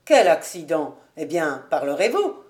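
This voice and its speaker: A woman doing a gruff furious cooper. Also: lowish voice, animated, unhurried, darkish tone. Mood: angry. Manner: gruff, blustering. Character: angry burly male cooper, hot-tempered husband.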